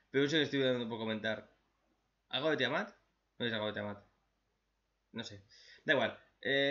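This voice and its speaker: Male anime reactor, bright lively delivery, swears a lot, muffled home mic. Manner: profane, mocking, acts out characters in shrill high voices. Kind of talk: casual anime recap and rant.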